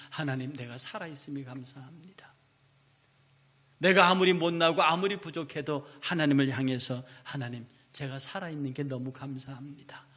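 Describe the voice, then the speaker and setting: Korean pastor preaching, loud to whispered. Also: male voice, fairly high pitch. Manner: impassioned preaching that swings from loud to whispered asides. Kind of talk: sermon.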